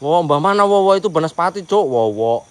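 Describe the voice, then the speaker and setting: A man hosts a live ghost hunt at night, his voice sitting a little high for a man. He switches between loud, ringing calls to the spirits and low, hushed commentary to his viewers. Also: lively intonation, brisk. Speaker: ghost-hunting live streamer. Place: outdoors at night at an old resort.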